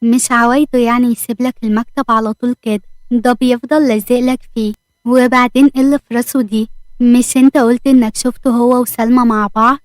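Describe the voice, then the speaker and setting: A woman's voice: on the high side, fairly even intonation, quick pace, no echo, natural voice. A woman doing a teasing Egyptian man friend. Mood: puzzled.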